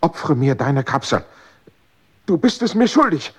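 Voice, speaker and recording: A man's voice: mid-range voice, big pitch swings, normal speed. An actor playing an anxious, pleading man in a 1960s radio drama.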